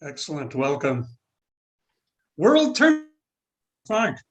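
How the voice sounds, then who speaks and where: A man's voice: on the high side, huge pitch swings, slow, muffled recording. A man moderating a video meeting, calling on people with brief upbeat prompts. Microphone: video call.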